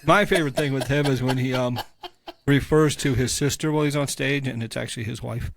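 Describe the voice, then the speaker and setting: A man's voice: medium pitch, a little fast, creaky, a little hiss or hum. A man co-hosting a casual home podcast, easygoing and joking. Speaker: podcast co-host. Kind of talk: casual chat. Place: home room.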